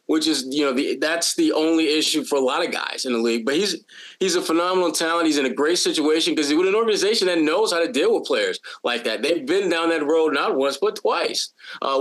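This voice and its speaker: On a sports podcast, a male co-host whose voice sits a little high for a man chats in a loose, animated way. He keeps jumping in with playful bits and often restarts his sentences.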